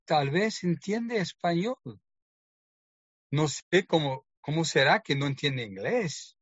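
Preacher, male, slow and deliberate storytelling sermon, dry muffled recording. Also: on the high side, dry recording. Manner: storytelling, acts out quoted dialogue. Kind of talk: sermon with personal testimony.

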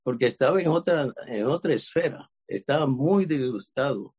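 A man's voice: mid-range voice, moderate pace, husky. A man from Cuba, casually sharing a testimony with a church group and acting out the dialogue as he retells it. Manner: lively retelling, acts out quoted dialogue.

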